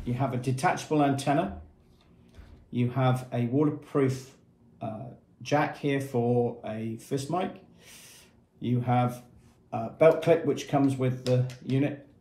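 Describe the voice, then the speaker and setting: A man in his fifties with a medium-pitched, warm voice gives a plain, methodical product walkthrough in short phrases, presenting informally for a marine equipment retailer. He sits at a table in a small indoor room with painted block walls, and the recording echoes off the small space.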